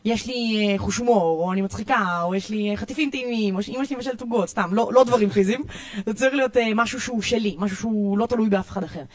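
A woman youth coach with an Israeli accent, giving parenting tips in a podcast interview in an energetic, emphatic way, often repeating herself. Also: medium pitch, hardly any pauses. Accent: Israeli Hebrew. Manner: energetic, repetitive, emphatic listing.

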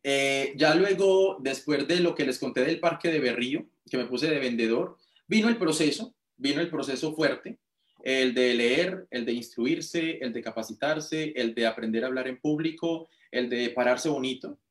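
A man's voice: medium pitch, moderate pace. A Colombian man giving a motivational talk, telling his own story with emotion and repetition. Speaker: motivational speaker. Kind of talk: personal testimony storytelling.

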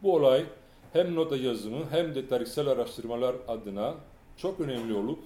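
A man giving an academic lecture, partly read aloud, in a measured and halting way with fillers and restarts, in a lecture hall. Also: mid-range voice, mellow. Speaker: lecturer on music history.

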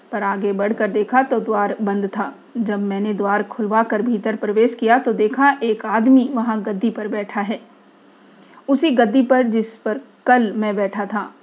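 Female storyteller, mid-pitched, measured literary reading, quiet stretches. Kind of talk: reading a first-person story aloud.

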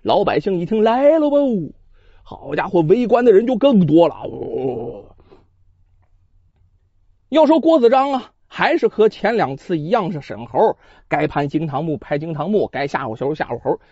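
Male traditional storyteller, very lively pitch, chatty asides, dry and a bit dull recording. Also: moderate pace, no room sound. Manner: animated, chatty asides to listeners.

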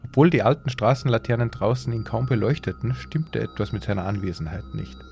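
A man hosting a podcast, reading a horror story aloud in a measured, suspenseful way. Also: on the low side, creaky, darkish tone. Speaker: podcast host and story reader.

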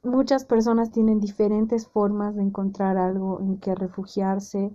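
A young woman hosting a podcast, giving gentle, conversational advice and often acting out inner voices. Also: medium pitch, flat delivery, a little slow, highs cut off. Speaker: podcast host. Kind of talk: casual advice monologue.

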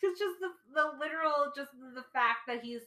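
Fairly high woman, echoey room. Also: normal speed, pushed and bright. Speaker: podcast co-host. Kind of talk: casual chat.

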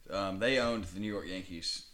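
Low-voiced man in relaxed podcast chat. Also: moderate pace. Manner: relaxed, reads out details with filler ums. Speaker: podcast co-host. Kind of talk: casual conversational chat.

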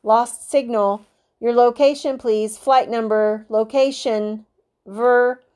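A woman's voice: on the high side, fairly even intonation, slow, a little mellow. Woman doing a clipped, formal radio operator. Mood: businesslike. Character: calm male radio operator, procedural.

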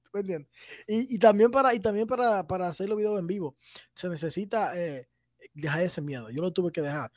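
A man's voice: sits high, fairly quick, no room sound, clean studio sound. A man who takes church photos, chatting casually on a podcast and laughing often.

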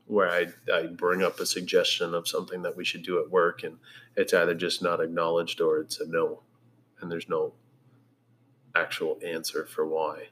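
Deep-voiced man in casual couple chat. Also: completely flat delivery, normal speed, a bit bright, slight background noise. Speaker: husband, podcast guest.

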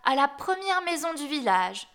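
A woman's voice: sits high, big pitch swings, moderate pace, fairly bright tone, voice pushed up, heavily acted. A woman voicing an innocent little village girl in a storybook, speaking eagerly.

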